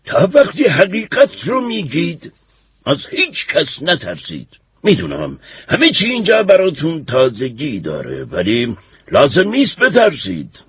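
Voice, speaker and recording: A husky courtroom questioner. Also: male voice, fairly high pitch, huge pitch swings, fairly bright tone, heavily acted. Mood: reassuring. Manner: measured, formal questioning. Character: courtroom lawyer and old judge, measured. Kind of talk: radio drama acting.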